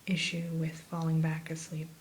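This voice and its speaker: A woman in an ASMR role-play as an attentive spa consultant, gently talking a client through questions and advice like a spa receptionist. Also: low-pitched, completely flat delivery, normal speed. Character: soothing, attentive female spa sleep consultant. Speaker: ASMR performer playing a spa sleep consultant. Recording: close soft voice with background hiss.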